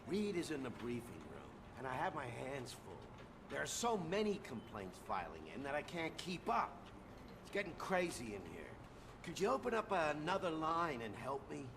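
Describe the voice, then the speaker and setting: An actor playing an overworked desk police officer who sounds harried and asks for help. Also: male voice, mid-range voice, sing-song, natural voice. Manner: harried, hurried. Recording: video game audio with clear background noise.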